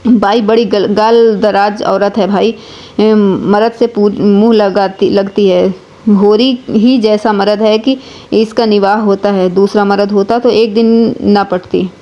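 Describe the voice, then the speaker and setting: A woman's voice: medium pitch, fairly even intonation, slow, dark tone, highs cut off, lightly acted. Spiteful village gossip woman, read by a woman.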